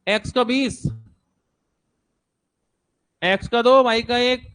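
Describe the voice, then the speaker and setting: A man's voice: extremely high pitch, slow pace, fairly bright tone, smooth. A man teaching a maths class to seated students, repeating numbers and steps aloud and checking that students follow.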